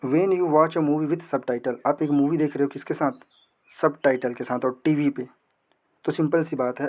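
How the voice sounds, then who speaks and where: A young man leads an exam prep lesson. He poses questions and answers them himself. He slows right down when reading English passages aloud. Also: fairly high pitch, darkish tone. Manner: asks and answers own questions, reads English slowly. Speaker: teacher.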